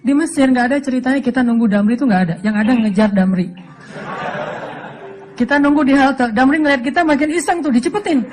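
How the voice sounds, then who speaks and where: A middle-aged male Islamic preacher from Aceh, giving a relaxed, humorous sermon that jokes and acts out voices in his stories. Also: extremely high pitch, quick pace, faint music behind. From Aceh, Indonesia. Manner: joking storytelling, often laughing.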